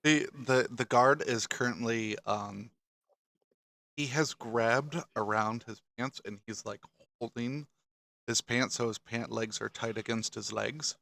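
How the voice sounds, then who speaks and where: Slow, gravelly-voiced man running a game. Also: mid-range voice, steady tone, sharp tone. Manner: halting, with many restarts and fillers. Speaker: dungeon master. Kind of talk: narrating a tabletop game.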